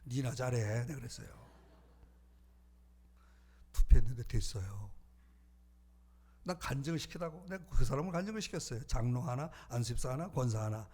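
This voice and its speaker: A man preaching a sermon as pastor, animated, shifting between loud calls and hushed asides. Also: mid-range voice, normal speed, long pauses, breathy edge.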